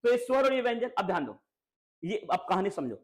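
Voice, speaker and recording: A man's voice: high-pitched, a little fast. A man teaching a grammar lesson to schoolchildren, asking and repeating questions. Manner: lively, repeats questions to students, coaxing.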